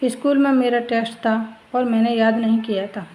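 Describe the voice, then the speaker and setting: A woman's voice: fairly high pitch, steady tone, normal speed, darkish tone, natural voice, poor audio. A woman voicing a tearful schoolboy who pleads with his sister-in-law, speaking in a pleading, tearful way.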